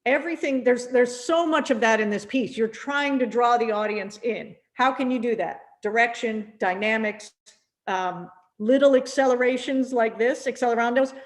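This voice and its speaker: A middle-aged woman teaching a percussion masterclass, gently encouraging and often repeating words as she thinks aloud. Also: fairly high pitch, normal speed.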